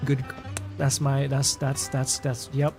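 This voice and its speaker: A man's voice: medium pitch, monotone, measured pace, creaky, darkish tone, soft background music. A man casually reacting to a video game, hyper and joking, swearing and laughing a lot.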